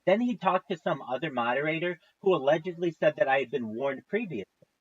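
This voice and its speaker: A man's voice: a little high, expressive, fairly quick, breathy edge, no echo, muffled recording. A man in his thirties, a livestreamer, tells a long story in a casual, profane, exasperated way. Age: 30s.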